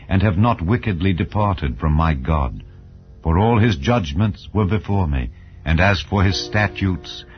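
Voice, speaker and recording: A low, deep male voice delivers dramatized scripture in audiobook style, solemn, measured and declamatory for archaic English. The recording sounds a bit dull and lo-fi, with gentle background music.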